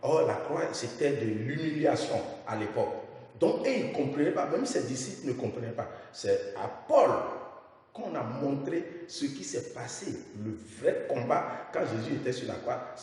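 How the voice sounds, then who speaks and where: A man talking as a guest on a religious talk show, lively and quick to repeat the host's words. He sits a little back from the mic, so his voice carries plenty of room echo and a long reverb tail. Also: mid-range voice, recorded from a distance. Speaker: guest speaker on a religious program. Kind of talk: radio talk discussion.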